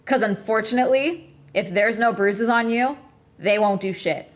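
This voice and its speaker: A woman's voice: a little high, moderate pace. Rambling woman streamer reacting casually. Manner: rambling, repeats herself, swears.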